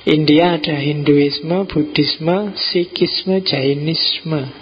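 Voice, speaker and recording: A middle-aged man with a Javanese accent giving an informal philosophy lecture in a relaxed, joking way, dropping in local words. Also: on the high side, drawn-out words. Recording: dull lo-fi recording with faint noise.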